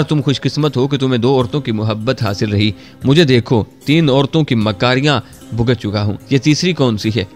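Male storyteller, mid-pitched, steady scripted narration over faint music. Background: faint background music.

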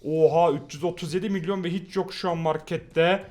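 A young man commentating mobile football pack openings, shouting hype at the game and groaning when the luck turns bad. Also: fairly high pitch, steady tone, a little fast.

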